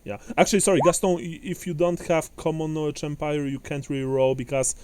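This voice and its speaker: A man's voice: fairly high pitch, little pitch movement, fairly quick, a little mellow, clear, resonant tone, no echo. Man running a tabletop game. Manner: rambling, many fillers and restarts, chuckling. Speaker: game master.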